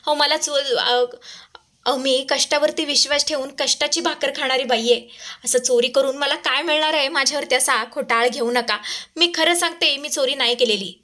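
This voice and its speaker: A humble village woman pleading in a high, tearful voice, as a woman storyteller puts her on. She begs to be believed and swears on her honesty. Told as a spoken storybook. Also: moderate pace, pushed and bright.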